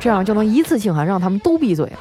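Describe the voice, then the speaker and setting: A woman radio host telling comic stories about her family, chatty, with drawn-out particles and frequent laughs. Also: medium pitch, very animated, a crowd in the background. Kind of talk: comic storytelling monologue. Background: faint background music.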